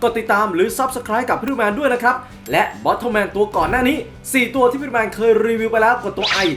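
A young man hosting a casual toy unboxing review. He is excitable, exclaims often and hums little sound effects as he shows the box. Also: very high-pitched, a little fast, soft background music. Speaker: toy reviewer, channel host.

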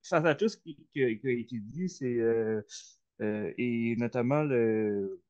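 A hesitant Canadian man in the audience asks a spontaneous question over a video call, halting with many fillers and restarts. His mid-range voice is a little mellow, and the computer mic gives slightly dull audio.

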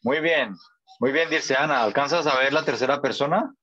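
A man's voice: medium pitch, normal speed, bright, forceful tone. A man teaching a Spanish class over a video call, patient and encouraging, often checking that students follow. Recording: dull lo-fi call audio.

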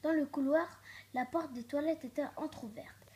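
Expressive woman reading a storybook aloud. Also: high-pitched, normal speed. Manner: expressive, dropping to hushed tones for suspense. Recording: echoey room.

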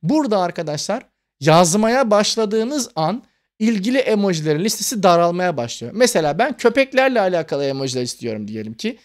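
A man's voice: high-pitched, big pitch swings, fairly quick. Guy walking you thru a pc tutorial, chatty, voice jumps around a lot. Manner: explanatory, chatty, keeps addressing viewers as friends. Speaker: tutorial host. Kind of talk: screen-recorded computer tutorial.

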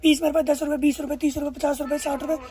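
Talking fast with little pitch movement, a young man pitches his wares emphatically as a wholesale shopkeeper, his voice darkish. He rattles off prices and repeats his terms amid a crowded indoor market shop.

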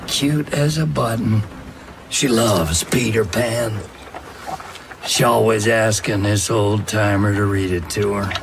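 A gravelly old grandfather. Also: lowish voice, background noise. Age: older. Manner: slow, folksy storytelling. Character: gruff old grandfather, tender and weary. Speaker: grandfather telling a story. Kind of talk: film drama monologue. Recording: film audio with music score.

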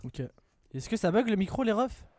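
A young man co-hosting a live gaming stream, teasing and excitably shouting at the match. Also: high voice, normal speed, no room sound. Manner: excitable, teasing trash talk, shouts at the game. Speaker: streamer co-host.

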